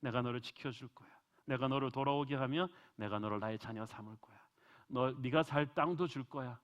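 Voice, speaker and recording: A man voicing God, soft and tender. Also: medium pitch, brisk, close to an everyday voice. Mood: reassuring. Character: gentle comforting male God speaking to a person.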